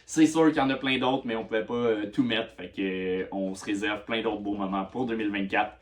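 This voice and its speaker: Un homme, animateur de l'émission, clôt l'année sur un ton détendu et blagueur. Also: male voice, fairly low pitch, fairly quick, reverberant. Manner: relaxed joking banter. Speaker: show host. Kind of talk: casual closing chat.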